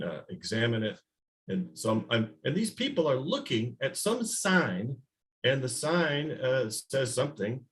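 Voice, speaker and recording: Male guest scientist, slide talk over a video call mic; hesitant delivery, frequent ums and restarts. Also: medium pitch. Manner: halting, many fillers and restarts. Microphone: video call microphone.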